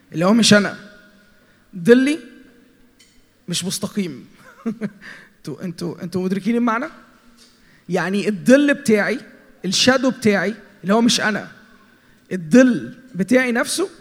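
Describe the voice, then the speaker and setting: Teasing high-voiced Egyptian preacher. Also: male voice. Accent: Egyptian Arabic. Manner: playful, teasing the audience, mixes English words. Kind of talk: sermon to a congregation. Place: large church hall. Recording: hall with long reverb and faint music.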